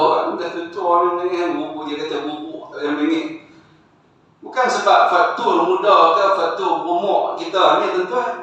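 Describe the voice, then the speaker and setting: A man's voice: high voice, fairly bright tone. A man preaching an evening sermon, often addressing his listeners and asking rhetorical questions. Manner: addresses audience repeatedly, asks rhetorical questions. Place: mosque hall. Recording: echoey hall, distant and dull mic.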